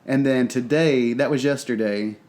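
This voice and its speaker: A podcast co-host from North Carolina, congested and stuffy-nosed, rambles chattily in a Southern US accent, sprinkling in lots of fillers during casual talk. His mid-range voice has a darkish tone and a moderate pace.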